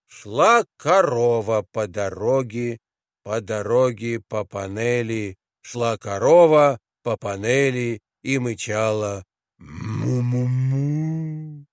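A man's voice: mid-range voice, slow pace, clear, resonant tone, no room sound, clean studio sound. A man reading a children's poem aloud in a rhythmic, sing-song cadence. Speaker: reader.

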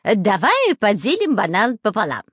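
A woman voicing a boastful, excitable long-nosed male spy with a shrill voice in a dry, dull recording. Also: normal speed, husky, no room sound, exaggerated voice. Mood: squabbling.

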